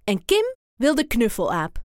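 A woman reads a children's picture book aloud, slow and unhurried, her pitch a little high and rising and falling with lots of life. Her delivery is calm and clear, in a dry, close sound. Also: no echo. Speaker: storybook reader. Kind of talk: children's story read aloud.

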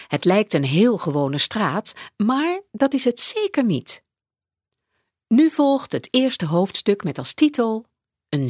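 A woman reading a children's book aloud, slow and clearly paced, her voice rising and falling a lot. Her tone is fairly low and a bit husky, recorded dry and close. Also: dry recording. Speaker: audiobook narrator. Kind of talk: scripted narration of a children's book.

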